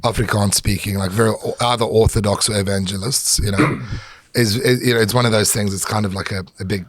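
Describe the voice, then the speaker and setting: In a dry recording, a middle-aged man with a South African accent speaks fairly quickly in a steady, lowish voice. He is a chef appearing as a podcast guest, talking candidly with plenty of swearing, fillers and restarts.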